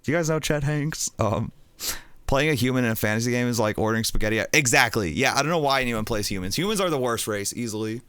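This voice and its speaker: A man's voice: mid-range voice, fast talker, a bit bright, clear, resonant tone, no room sound. A young man streaming a game, chatting casually and rambling, getting distracted as he goes. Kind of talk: casual gaming chat.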